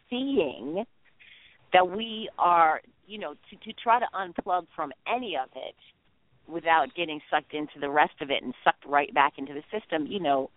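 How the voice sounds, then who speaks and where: A man's voice: on the high side, no echo. Man on speakerphone over a tinny phone line. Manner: earnest, repetitive phrasing. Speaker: guest on a call-in show. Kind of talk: spiritual teaching talk.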